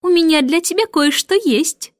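A woman's voice: very high voice, moderate pace, no room sound, studio quality, voice pushed up. A woman reading aloud, voicing a mischievous young boy who coaxes and pleads. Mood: wheedling. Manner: wheedling, then pleading.

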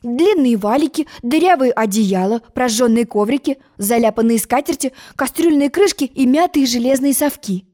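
A woman reading a children's story aloud in an expressive storytelling manner. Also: high voice, normal speed, few pauses.

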